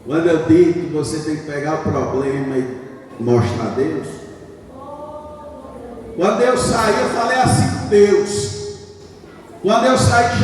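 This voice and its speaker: High-voiced preaching man in echoey hall. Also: a little hiss or hum. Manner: storytelling that builds to shouted, sung preaching. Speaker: deacon preaching a testimony. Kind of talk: Pentecostal testimony sermon. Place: church service. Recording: echoey church hall, mic at a distance.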